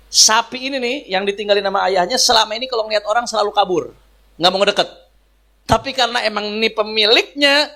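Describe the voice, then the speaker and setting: A man's voice: high-pitched, a bit bright. A male preacher, telling a religious story in an emphatic, folksy sermon, often addressing the congregation.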